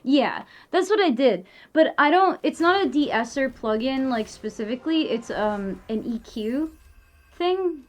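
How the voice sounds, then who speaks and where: A young woman with a somewhat high voice chats casually on a live stream, rambling, leaning on "like" as a filler and swearing now and then. She sounds animated but keeps a measured pace.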